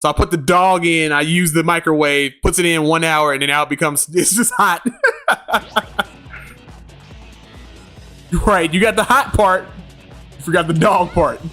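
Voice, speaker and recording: A man streaming a game, chatting casually and telling stories in animated slang, laughing often. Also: on the high side, a little slow, long pauses, faint music behind. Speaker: gaming streamer. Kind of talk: casual livestream chat.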